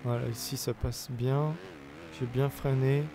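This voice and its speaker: A man's voice: medium pitch, little pitch movement, unhurried, noisy background. A young man with a sore throat giving chatty, hesitant commentary on his own gameplay. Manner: chatty, hesitant, bursts of playful cheering. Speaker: let's play gamer. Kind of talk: casual game commentary.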